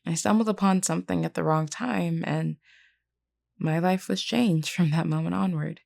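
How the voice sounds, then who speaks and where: Speaking to one listener in an audio roleplay, a woman portrays a gentle, candid vampire queen whose formal wording comes out measured and reassuring. Her lowish, gravelly voice stays steady, and the mood is wistful and candid.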